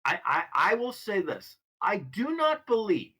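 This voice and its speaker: Blunt, lively podcast co-host. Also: mid-range voice, unhurried, husky. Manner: blunt, emphatic and opinionated. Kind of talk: casual podcast chat with opinions.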